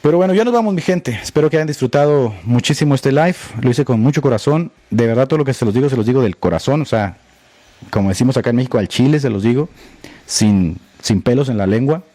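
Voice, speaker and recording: A man's voice: medium pitch, animated, fast, warm tone, dry recording. A man hosting a livestream podcast, talking bluntly and sarcastically and aiming his lines at one critic. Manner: repeatedly addresses a critic by name. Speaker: podcast host. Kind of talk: livestream monologue.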